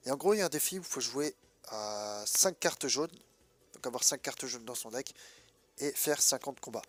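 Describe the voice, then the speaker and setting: Blocked up with a head cold, a man hosting a gaming video speaks in a congested, nasal mid-range voice at normal speed. He gives relaxed, colloquial commentary on his gameplay and hesitates as he thinks aloud.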